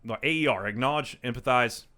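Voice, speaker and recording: A man's voice: medium pitch, a little fast, bright, forceful tone. A man in his thirties co-hosting a casual group chat, rambling and emphatic, swearing freely as he tells stories and gives advice. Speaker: podcast co-host.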